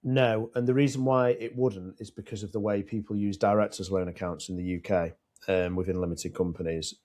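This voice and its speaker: A British man co-hosts a business podcast, speaking plainly and swearing as he lays out long scenarios in casual business chat. His fairly low, slightly mellow voice moves fairly quickly with fairly even intonation, recorded on a podcast mic.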